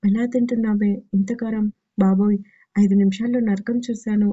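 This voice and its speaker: A woman's voice: mid-range voice, steady tone, moderate pace, warm tone, highs cut off, natural voice. A woman voicing a teasing, persistent young male suitor in an audio story. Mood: complaining. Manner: teasing, cheeky.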